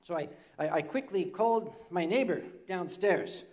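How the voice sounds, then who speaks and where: High-voiced older male storyteller. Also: lively intonation, normal speed, darkish tone. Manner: rambling, self-mocking, with comic asides. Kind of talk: stage storytelling. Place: convention stage before an audience.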